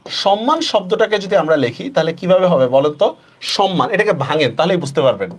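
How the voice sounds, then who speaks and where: A male teacher leads a pronunciation lesson with a lively, rising and falling voice. He pitches it a little high. He slows right down on the key rules and keeps checking in with his students. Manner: asks students frequent check-questions; stretches words slowly when stressing rules. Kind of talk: online class lecture.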